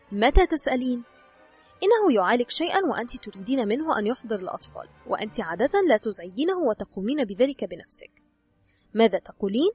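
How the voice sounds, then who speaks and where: A woman reads an advice book aloud, speaking straight to the listener in an instructive tone. Her voice is breathy and a little high, with a very lively rise and fall. She moves quickly, and faint music sits under her. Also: no room sound. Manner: instructive, addresses the listener directly. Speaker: audiobook narrator. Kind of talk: scripted narration of an advice book.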